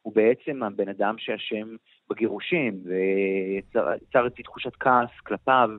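A middle-aged man with a lowish voice answers slowly and thoughtfully, filling his pauses with hesitant sounds. The sound is thin and phone-like, with a dry, close feel. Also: dry recording. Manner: hesitant, many pauses and fillers. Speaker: interview guest, author. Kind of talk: reflective interview answers.

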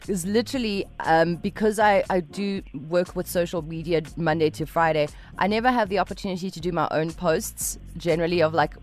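A woman with a South African accent hosting a casual radio chat, animated as she retells things and often saying "like". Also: lowish voice, a little fast, few pauses, soft background music. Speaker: radio show host.

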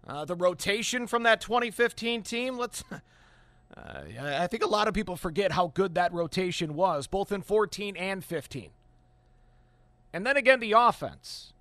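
High, bright-voiced sports radio host. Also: male voice, no echo. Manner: animated, emphatic, with frequent fillers and restarts. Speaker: postgame radio show host. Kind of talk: sports talk radio, opinionated analysis.

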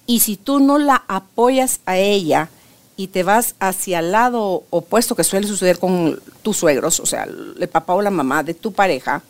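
An older woman in a casual interview, sharing relationship advice with her granddaughter in an emphatic, animated storytelling manner. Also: mid-range voice, normal speed.

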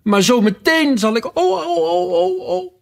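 Reading a storybook, a man acts out a flighty, fussy queen with a breezy sing-song manner and sudden shrieking cries, his pitch swinging hugely. The performance is heavily acted, husky, and measured in pace.

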